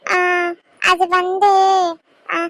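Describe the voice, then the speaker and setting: Cartoon little boy, pleading and whiny, voiced by a woman; very high, dry. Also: flat delivery, extremely slow, vocal fry, bright, forceful tone, no echo, exaggerated voice. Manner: whiny, begging.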